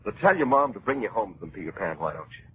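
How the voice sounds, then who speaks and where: A male old-time radio announcer with a very husky voice and animated swings in pitch. He is a folksy, enthusiastic pitchman on a muffled recording. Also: fast talker. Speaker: announcer and narrator. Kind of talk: 1940s-style radio announcing, advertisement and story narration.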